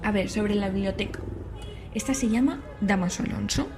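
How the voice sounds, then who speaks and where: An actress plays an eager, chatty young history student from Spain who is recording an informal travel vlog in a podcast drama, delivering a first-person monologue with a Spanish accent and a delighted mood. Her medium-pitched, lightly acted voice moves at a normal speed over music, with clear background noise and ambient sound.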